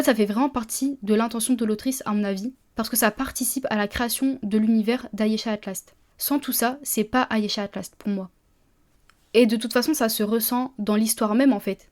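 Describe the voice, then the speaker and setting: Woman podcasting solo, kinda high voice, lots of euh and restarts. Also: a little mellow. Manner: chatty, many fillers and restarts. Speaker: publisher and podcast host. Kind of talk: casual solo podcast talk.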